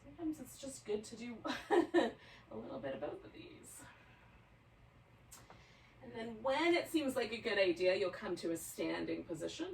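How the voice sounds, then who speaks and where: Woman, yoga instructor, relaxed chatty class guidance, laughs easily, distant mic. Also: a little high, moderate pace, gravelly, long pauses, slight background noise. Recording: roomy sound, mic at a distance.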